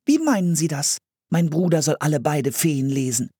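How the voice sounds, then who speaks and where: A man's voice: on the high side, lively intonation, moderate pace, dark tone, husky, no echo, clean studio sound, pitched above the performer's own voice. A man voicing a bold young girl who speaks in an insistent, indignant way.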